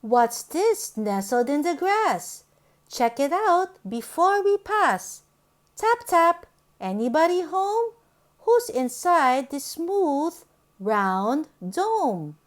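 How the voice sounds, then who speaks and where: A woman reads a picture book aloud to young children in a high voice, her intonation lively and swooping. Her delivery is sing-song and deliberate.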